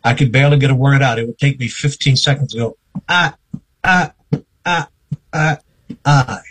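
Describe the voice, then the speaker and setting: An older man, a guest on a radio interview, telling his life story slowly and reflectively. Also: mid-range voice, fairly bright tone, a little hiss or hum, poor audio. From North Carolina, US. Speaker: guest, veteran newsman.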